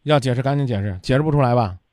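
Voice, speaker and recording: A man's voice: mid-range voice, rapid-fire, darkish tone, no room sound. A man hosting a radio advice show, lecturing a caller bluntly and scolding her.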